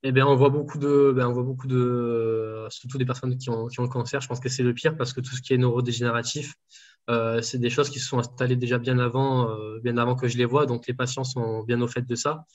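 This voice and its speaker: A man's voice: medium pitch, little pitch movement, a little fast. A man working as a home nutrition dietitian, answering interview questions casually with many fillers and restarts. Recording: dull lo-fi sound.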